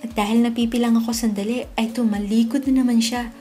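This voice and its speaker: A young woman narrating her own story in first person as the dubber of a comic, expressive and lively in delivery. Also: fairly high pitch, quick pace. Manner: expressive, swings into loud excited shouts. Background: faint background music.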